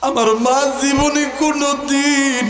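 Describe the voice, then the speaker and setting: A man voicing a weeping brother who breaks the news of their mother's death in a high, crying lament. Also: level tone, measured pace, fairly bright tone. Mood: mournful. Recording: echoey hall with faint music.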